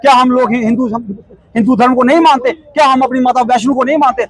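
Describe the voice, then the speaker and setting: A man's voice: very high voice, fairly even intonation, fairly quick, dry recording, rough recording. A middle-aged man, a protest committee member, giving an impassioned statement full of repeated rhetorical questions.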